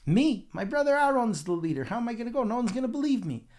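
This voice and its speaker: A man voicing a reluctant, anxious prophet who protests and pleads in a higher voice while retelling a scripture story. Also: very animated, fast, a little mellow. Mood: protesting.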